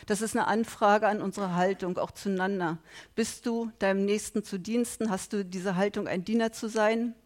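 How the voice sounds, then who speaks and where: A middle-aged woman preaching a sermon with fervor. Her voice sits in an ordinary middle register. She rises to loud, pressing appeals, then drops to quiet, weighty emphasis. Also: medium pitch, fairly even intonation, moderate pace. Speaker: pastor.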